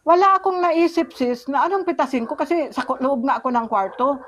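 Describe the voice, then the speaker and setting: A woman telling her personal faith testimony in conversation, earnest and halting, acting out remembered dialogue. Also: high-pitched, fairly bright tone, slight background noise. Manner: earnest storytelling, often pauses and restarts; replays remembered dialogue in a raised voice. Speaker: church member giving testimony.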